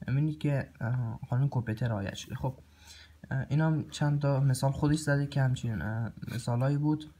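Man teaching with halting fillers. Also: medium pitch, dark tone. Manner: halting, many filler sounds and throat clearing. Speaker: language teacher. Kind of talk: recorded lesson explaining grammar.

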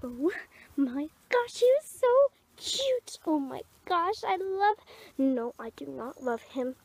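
A woman voicing a young female rabbit who is lovestruck and sulky, speaking softly in a drawn-out, girlish way in a hobby toy-animal drama. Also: sits high, lively intonation, creaky, no room sound, full character voice. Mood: dreamy, flustered.

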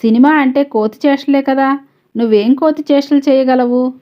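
A woman's voice: high voice, moderate pace, dull audio, lightly acted. A woman voicing an impatient, sarcastic young woman in a narrated story. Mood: idle.

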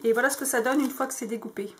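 A woman's voice: fairly high pitch, fairly even intonation, racing, background noise. A woman vlogging in French, casually showing crafting dies with lots of hesitant fillers. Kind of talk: casual show-and-tell.

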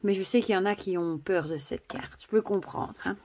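A woman's voice: medium pitch, a little fast, darkish tone, slight background noise. A woman with a Belgian French accent in a casual vlog, chatty and gushing, full of exclamations and asides as she shows things to the camera. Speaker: vlogger.

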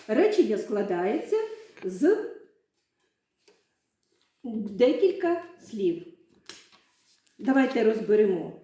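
During a literacy lesson for young children, a primary school teacher with a slightly high, dark-toned voice patiently elongates words to show their syllables. The room has heavy echo.

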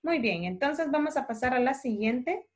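A woman teaching a primary class over a video call, patient and affectionate, dictating words slowly and clearly. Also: high-pitched, expressive.

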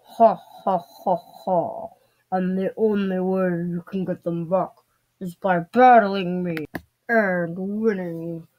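A woman's voice: lowish voice, steady tone, a little mellow, a little hiss or hum, poor audio. A woman voicing a boastful, evil male Christmas monster who cackles and gloats in a playful home-video skit. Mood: gloating. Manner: cackling, gloating, drawn-out threats.

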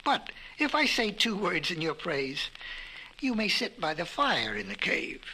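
A man's voice: high-pitched, very animated, a little slow, pushed and bright, a little hiss or hum, exaggerated voice, poor audio. A man voicing a wise, mocking cave woman in a storybook reading on an old vinyl record, speaking in a firm, teasing way. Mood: bargaining. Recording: vintage vinyl record with music.

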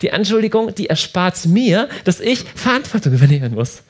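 Animated, husky man. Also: high-pitched, fairly quick. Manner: animated, often repeats and restarts. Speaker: speaker at a prayer house. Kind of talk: lively talk to a live audience.

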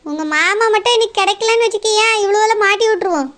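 Woman as a nosy village girl, sharp and very high, scolding, Kanyakumari Tamil accent. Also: quick pace. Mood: accusing. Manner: accusing, scolding. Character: young village woman Radha, suspicious and bossy.

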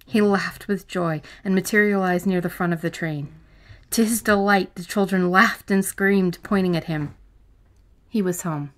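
A woman reading a short story aloud in a calm, measured way. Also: lowish voice. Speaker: narrator. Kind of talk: storytelling narration.

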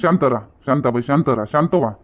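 An actor with a Varhadi Marathi accent playing a calm village headman who placates two quarrelling women. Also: medium pitch, quick pace, natural voice. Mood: placating. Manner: soothing, placating. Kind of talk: village comedy skit.

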